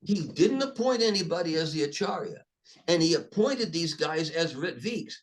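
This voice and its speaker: A man's voice: a little high, moderate pace, rough recording. Older man telling stories emphatically. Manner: emphatic, animated storyteller with repeated restarts. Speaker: podcast guest. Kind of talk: conversational interview storytelling.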